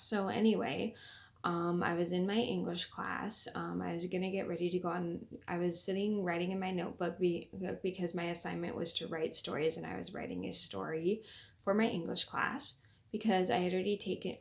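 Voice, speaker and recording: A young woman vlogger shares a casual story in a quiet, late-night voice, careful not to wake anyone. Her voice sits a little low and has a lot of creak. She speaks haltingly, often repeating and rephrasing herself. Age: young adult.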